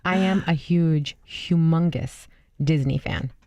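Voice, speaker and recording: A woman's voice: low-pitched, takes it slowly, darkish tone, dry recording. A woman co-hosting a radio talk show, chatting in a bubbly, gushing way. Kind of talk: casual chat.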